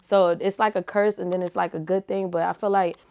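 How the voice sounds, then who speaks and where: A young woman, a rapper and reality TV personality, is an interview guest giving laid-back, slangy answers packed with "like" and "you feel me." Her voice is fairly low, smooth and darkish, level in tone and slightly fast.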